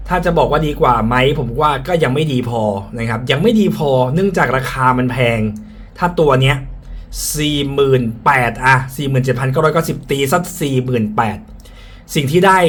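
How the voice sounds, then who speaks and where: A man speaking through a face mask, slightly muffled, giving a frank, casual product review and often repeating his points. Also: medium pitch. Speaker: tech reviewer. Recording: clear background ambient noise.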